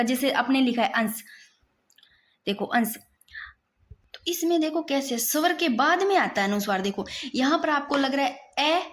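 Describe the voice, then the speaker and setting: A young woman teaching Hindi grammar in a casual, insistent way, often saying "look" as she writes out examples. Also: high-pitched. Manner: repeats "dekho" often, insistent and explanatory, writes while talking. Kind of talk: casual classroom explanation.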